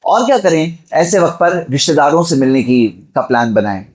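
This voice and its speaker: A man's voice: on the high side, sing-song. A man delivering a Friday sermon, exhorting the listeners and asking them rhetorical questions. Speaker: preacher.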